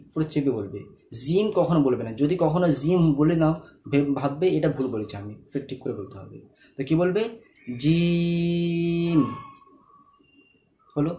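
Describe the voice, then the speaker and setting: A man, teaching a pronunciation lesson and patiently repeating each sound slowly for learners to copy. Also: a little high, warm tone. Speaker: Quran reading teacher.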